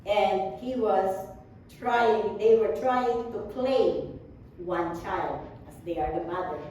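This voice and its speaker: Slow, halting woman preaching in an echoey room. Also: mid-range voice, warm tone. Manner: slow, halting with many fillers and restarts. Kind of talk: sermon. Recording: distant echoey room with faint background noise.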